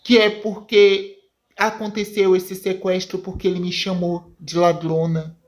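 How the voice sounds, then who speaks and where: Storybook villainess, cold and scheming, low and hushed, put on by a woman narrator. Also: flat delivery, measured pace, close to an everyday voice. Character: scheming villainous mother plotting coldly.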